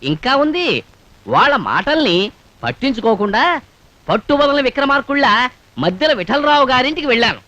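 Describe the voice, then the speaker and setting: A comic marriage broker, very high voice, lively swooping delivery, bright tone, chatty storyteller from an old film. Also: male voice, a little fast, pauses often, no echo, heavily acted. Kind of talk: 1970s film acting.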